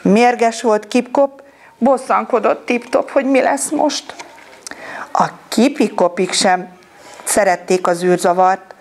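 Woman reading a children's story aloud. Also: on the high side. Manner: animated, switching voices for the characters. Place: kindergarten room.

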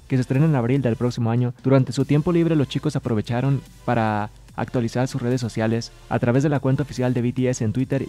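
A man's voice: medium pitch, dark tone. A man reading entertainment news as a scripted voice-over, adding brief personal asides. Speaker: news presenter.

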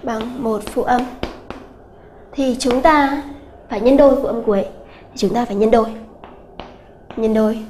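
A woman with a high, light voice is teaching a grammar lesson for an exam-prep class. She explains step by step and repeats the key points slowly. Frequent hesitant fillers break up her sentences. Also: a little mellow, slight background noise. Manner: slow, repetitive explaining with many filler "à" sounds. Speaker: English teacher.

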